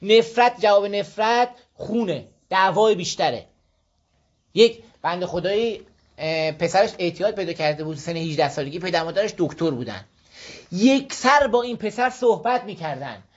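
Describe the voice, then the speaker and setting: An animated man from Iran, his voice high, gives an informal talk on parenting morals to a group. He weaves in stories and repeatedly confirms his listeners are with him, all on a dull lo-fi recording.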